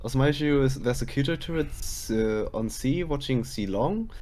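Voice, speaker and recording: A man gives casual co-commentary on a competitive shooter match. He is measured and sticks to tactical points, at an even middle pitch. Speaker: esports analyst. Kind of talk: casual game analysis commentary.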